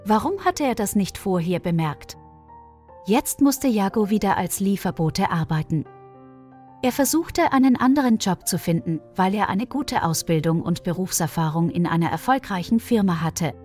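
Woman narrating a story over soft music. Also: medium pitch, normal speed. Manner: even, storytelling. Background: faint music.

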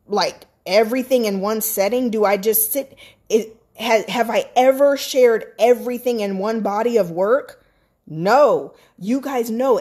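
A woman coach giving a personal motivational talk, emphatic and candid, addressing her listeners as guys and acting out her own inner voice. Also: on the high side. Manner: quotes her own inner voice in animated bursts. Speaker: business coach.

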